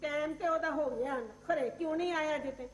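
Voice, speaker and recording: Lady doing a gentle calming wife, very high voice, echoey room with music. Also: brisk, noisy background, natural voice. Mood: placating. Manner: soothing, placating. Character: patient middle-aged wife and mother. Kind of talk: 1980s TV drama acting.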